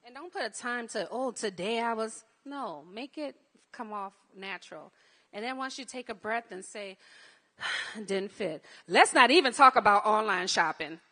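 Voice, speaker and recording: A woman's voice: fairly high pitch, expressive, normal speed, bright, forceful tone. Blunt woman giving frank critique. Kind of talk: candid critique.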